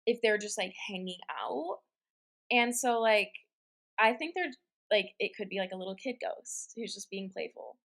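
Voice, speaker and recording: A woman's voice: medium pitch, normal speed, a bit bright. Giggly woman co-host swapping scary stories. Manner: giggly, conversational, frequent "like". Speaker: podcast co-host. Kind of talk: casual chat and reading listener-submitted scary stories.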